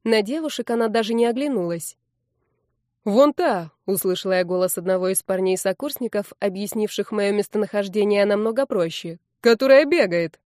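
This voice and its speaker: A young woman reading a first-person story aloud in a wry, lively way. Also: mid-range voice, no echo, studio quality. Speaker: audiobook narrator. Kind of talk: first-person audiobook narration.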